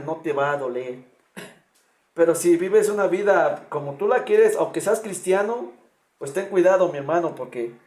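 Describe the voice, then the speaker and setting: High-voiced preacher in an echoey room. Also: male voice, darkish tone. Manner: earnest, direct address to the congregation. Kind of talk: sermon.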